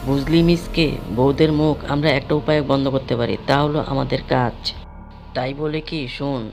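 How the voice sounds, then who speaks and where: A man's voice: medium pitch, fairly even intonation, a little fast, vocal fry, a little mellow, close to an everyday voice. A man voicing a sneaky, scheming jackal husband who is a petty thief in a cartoon story. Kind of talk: exaggerated cartoon story acting. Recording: music behind the dialogue.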